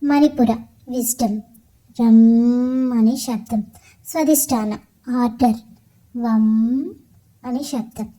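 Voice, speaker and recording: A woman calmly explaining meditation as a teacher, listing each point one at a time in a measured way. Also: on the high side, poor audio. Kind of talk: calm instructional explanation of chakras.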